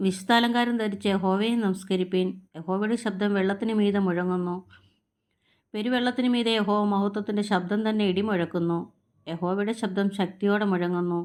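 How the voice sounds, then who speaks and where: A woman reading psalms aloud in a steady, measured recitation. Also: mid-range voice. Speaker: scripture reader.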